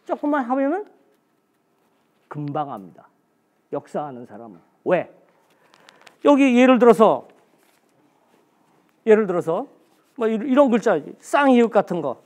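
A man's voice: high-pitched, sing-song, a little slow, long pauses, a little mellow. A man giving a special history lecture in a blunt, colloquial way, asking himself questions and answering them.

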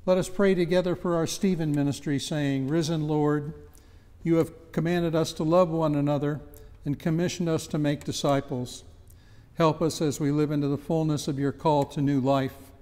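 An older man leading the prayers of the people in a measured, reverent reading in a church. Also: fairly high pitch, fairly even intonation, dark tone, in a large hall. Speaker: prayer leader. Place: church chancel, indoors.

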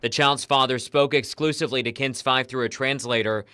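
A male television reporter delivers a news segment in a solemn voice. His pitch sits in the middle, and he keeps to an even, professional broadcast delivery. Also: brisk, a little hiss or hum.

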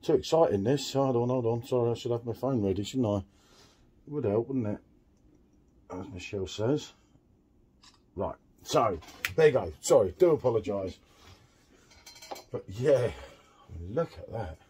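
A middle-aged man chatting excitedly while reviewing a beer at a home bar, full of tag questions. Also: mid-range voice, normal speed, pauses often. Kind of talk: casual beer tasting chat.

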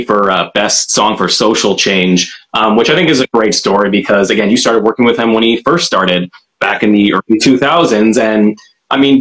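A man's voice: medium pitch, a bit bright, low-quality recording. A man hosting an interview, asking polite, hesitant questions with many fillers. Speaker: podcast host, interviewer. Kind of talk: casual interview conversation.

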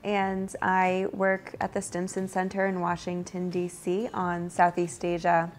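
A woman in her thirties from the United States, a research analyst calmly describing her work on camera. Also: fairly low pitch, a little slow, a little hiss or hum. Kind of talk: introducing herself on camera. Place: office with bookshelves, indoors.

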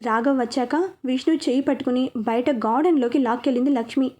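Woman, high voice, steady story narration, gentle. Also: quick pace.

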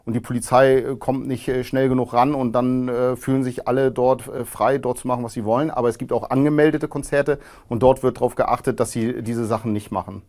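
A man in his thirties with a medium-pitched voice sits as a guest in a studio interview against a grey backdrop. A former neo-Nazi, he answers calmly and in a measured way, hesitating frequently.

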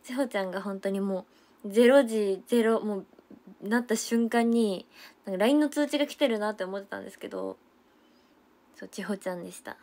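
A young woman chats easily on her livestream, giggling often. She answers viewer comments as they come in. Her pitch sits in the middle for a woman. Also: brisk, a little mellow. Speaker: idol livestreamer. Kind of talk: casual livestream chat.

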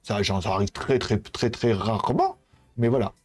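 A young man hosting a live-stream giveaway chats casually with viewers, speaking directly to them in a fairly low voice at a moderate pace. His talk is informal and rambling, packed with fillers.

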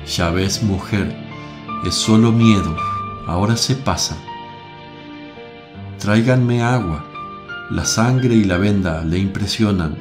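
Man as Jesus, calm gentle figure, radio play, low voice, clear music bed. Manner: slow, gentle, soothing. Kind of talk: radio drama acting.

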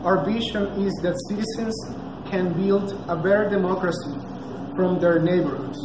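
Reading his launch speech off a clipboard, a nonprofit founder who speaks Spanish natively, with a Venezuelan accent, sounds high-pitched, careful and halting, often saying uh and restarting words. A far-off camera catches him indoors in a small, echoey cafe with large street windows and background noise.

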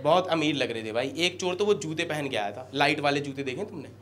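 A man with an Indian accent doing animated stand-up comedy storytelling on stage and acting out the quoted lines. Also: a little high, a little fast. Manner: animated, acts out quoted lines, addresses the crowd directly. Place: comedy stage before a live audience. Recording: live show with loud crowd laughter and noise. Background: loud audience laughter.

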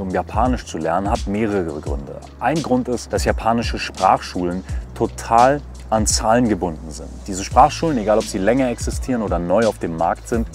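A man talking casually and frankly to his viewers in a vlog, emphatic and lively. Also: on the low side. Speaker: vlogger.

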